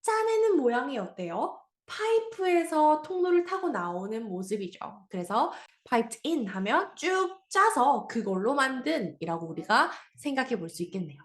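A woman's voice: sits high, very animated, normal speed, hardly any pauses, reverberant. A woman teaching an English reading lesson, patiently explaining and asking her listeners questions.

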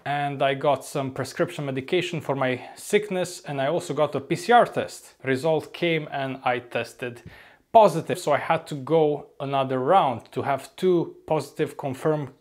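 A young adult flight crew member vlogs casually to camera from an apartment room on a lapel mic. He's upbeat, chatty and slightly hoarse, speaks at medium pitch and a moderate pace, and often says "ladies and gents."

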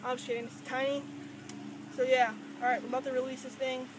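A man's voice: extremely high pitch, flat delivery, quick pace. Teen guy joking around at a pond, faint outdoor noise behind. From Georgia, US. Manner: joking, chatty, offhand. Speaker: vlog host. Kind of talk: casual fishing vlog.

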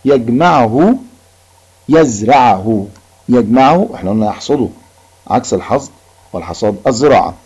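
Egyptian guy teaching a kids' lesson, mellow husky voice, repeats everything slowly. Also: fairly low pitch, expressive. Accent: Egyptian Arabic. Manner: explains in colloquial speech, repeats each point slowly. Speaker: primary school Arabic teacher. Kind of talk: recorded classroom lesson. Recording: dull lo-fi recording.

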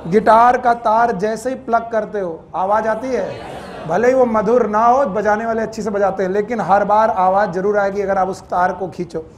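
A man's voice: sits high, steady tone, normal speed, slight background noise. A man teaching biology to a class, quizzing students, scolding them and joking, with English terms mixed into his talk. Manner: mixes English terms into Hindi. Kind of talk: classroom lecture.

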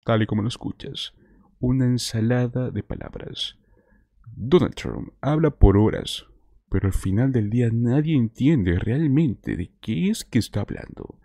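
Man, 30s, dark mellow voice, conversational news commentator, rhetorical questions, dry close mic. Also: medium pitch, expressive, unhurried, creaky, no room sound. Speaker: political commentator. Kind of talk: online news commentary addressed to viewers. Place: small indoor streaming setup. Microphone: close desk microphone with headphones.

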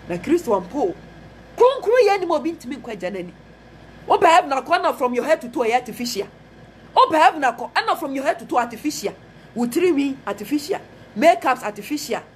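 A woman's voice: high-pitched, slight background noise. A woman with a Ghanaian accent preaching a fervent message, repeating phrases and mixing Twi with English. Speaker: prophetess.

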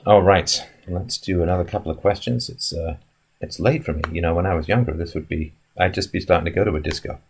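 A man's voice: low-pitched, fast, gravelly, darkish tone, slightly rough. A man in his fifties talking casually on a live stream from an indoor room, musing and rambling with many fillers and restarts as he answers chat questions. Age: 50s. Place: indoor room in front of a wooden wall.

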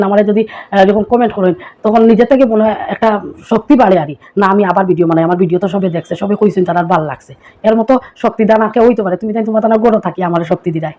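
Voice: medium pitch, mellow. A small content creator with a Sylheti accent from Assam, India, explaining words in a casual vlog. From Karimganj, Assam, India. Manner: chatty, keeps asking listeners rhetorical questions.

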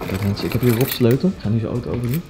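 A man's voice: medium pitch, expressive, racing, over music. Snelpratende jonge man met muziek. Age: 20s. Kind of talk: casual vlog to camera. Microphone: handheld camera at arm's length.

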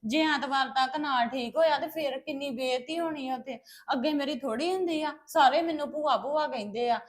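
Upset young daughter, an actress doing her, high voice, whiny complaining. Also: natural voice. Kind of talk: web drama acting.

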